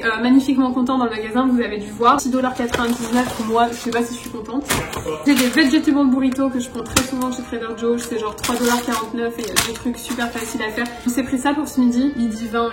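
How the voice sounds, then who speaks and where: A chatty woman from France talks to her phone camera while she shows off her groceries. Her voice sits a little high. The room sounds echoey, and music plays clearly behind her. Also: recorded from a distance. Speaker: vlogger. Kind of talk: casual vlog chat.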